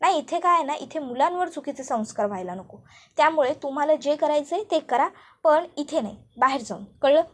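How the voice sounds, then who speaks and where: A proud schoolteacher mother speaks in a stern, reproachful tone, a bit quieter than the narration, as a woman narrator plays her. The voice is high and measured. It is a figure in a retold serial. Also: expressive.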